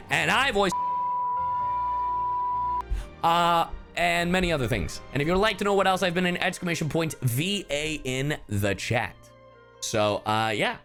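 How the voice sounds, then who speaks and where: Over faint background game music, a man livestreams his gameplay, reacting with relaxed, joking, swear-filled commentary. By trade he's a streamer and professional voice actor, and his voice sits at medium pitch with a fairly bright tone.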